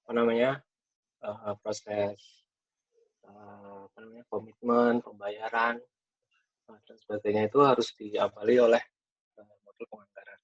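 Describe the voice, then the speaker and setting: A man's voice: fairly low pitch, flat delivery, dry recording. Man's voice breaking up on a choppy call. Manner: halting, searches for words with fillers. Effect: audio breaking up on a choppy call connection. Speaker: course participant. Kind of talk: explaining in an online class. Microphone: video call. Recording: dull lo-fi, dry, breaking up.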